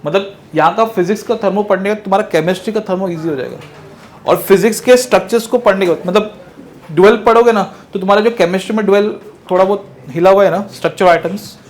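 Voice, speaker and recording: A man teaching a physics lecture, lively, firing rhetorical questions at his students and answering them himself. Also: sits high, fairly quick, slight background noise. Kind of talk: classroom lecture.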